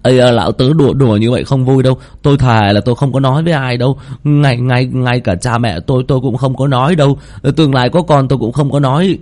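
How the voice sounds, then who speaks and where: A man voicing an anxious young male student who pleads quickly and a little loudly in an audio story. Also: on the low side, breathy edge. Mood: pleading. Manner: rapid, pleading.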